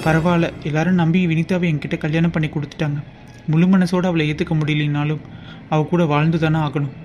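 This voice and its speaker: A man's voice: on the high side, little pitch movement, a little mellow, dull audio, faint music behind, lightly acted. A man voicing an earnest, dutiful young groom in a cartoon drama. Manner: earnest, quick. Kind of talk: cartoon voice acting.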